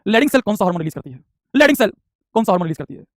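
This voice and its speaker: A man's voice: high voice, rapid-fire, no room sound, studio quality. A man teaching biology in a live exam-prep class, drilling points with lots of repetition. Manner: energetic, repetitive drilling, calls students beta.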